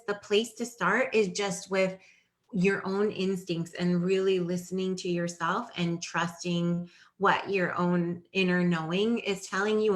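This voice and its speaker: Forties woman host, earnest explainer on a live stream, lowish pitch with a bright edge. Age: 40s. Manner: earnest, explanatory, thinks aloud with restarts. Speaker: host of a fertility Q&A. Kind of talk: live-streamed advice talk.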